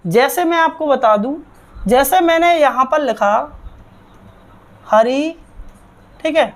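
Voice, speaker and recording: High-pitched woman grammar teacher, repetitive call-and-answer drilling for an online class. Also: expressive, slow. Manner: drills terms with repeated quiz questions.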